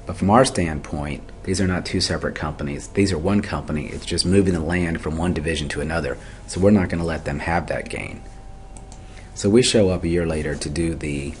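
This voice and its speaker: A man with a very deep voice works as an accounting instructor, giving an explanatory tutorial lecture. He goes methodically, step by step, often posing questions and then answering them himself. A little hiss or hum sits under the recording.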